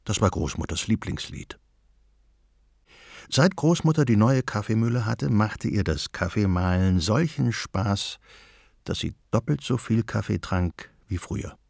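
A man narrating a children's storybook in a slow, deliberate storytelling manner. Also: fairly low pitch, expressive, creaky, darkish tone, no echo, studio quality.

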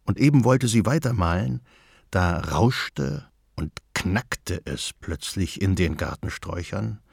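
A man reads a children's story aloud at an unhurried, deliberate pace. His voice sits low, with a gravelly edge. The recording is close and dry, with no room sound around him. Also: lively intonation, no echo. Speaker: narrator.

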